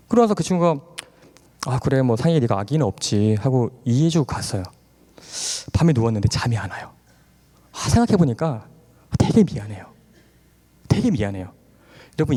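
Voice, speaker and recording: A fairly high-voiced man in his thirties tells his story from the pulpit, swinging his pitch widely as he acts out both sides of a conversation. He laughs often between lines. His voice rings out with a long reverb, the sound of a large hall. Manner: animated storytelling, acting out dialogues with laughter. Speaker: guest speaker at a church camp. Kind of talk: testimony sermon.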